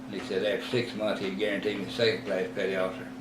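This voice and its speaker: An oral history interviewee from Texas, a man in his eighties, slowly reminisces about his past in a recorded interview. He rambles and halts with lots of fillers and self-corrections, his voice on the low side and level in tone. The mic is distant and roomy, with clear background noise.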